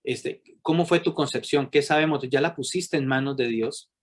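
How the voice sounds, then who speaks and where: Animated man teaching a workshop. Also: mid-range voice, normal speed. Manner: animated, asks many rhetorical questions; acts out quoted people with raised voice.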